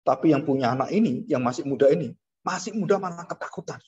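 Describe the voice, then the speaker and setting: Talking fast, a male pastor preaches with animation, pitching his voice up to play frightened people and dropping it for solemn moments. There's slight background noise over dull, lo-fi audio.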